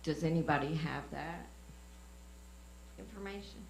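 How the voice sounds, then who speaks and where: A woman with a Southern US accent and a slow drawl, speaking as a resident at a public meeting. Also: low-pitched, vocal fry. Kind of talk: public comment at a civic meeting. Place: indoor public meeting room. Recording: echoey meeting room with faint mains hum.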